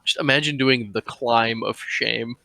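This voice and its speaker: A man's voice: medium pitch, steady tone, a little slow, gravelly, crowd noise. A man co-hosting a movie-review podcast, chiming in with dry, sarcastic one-liners. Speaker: podcast co-host. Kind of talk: casual movie-review chat.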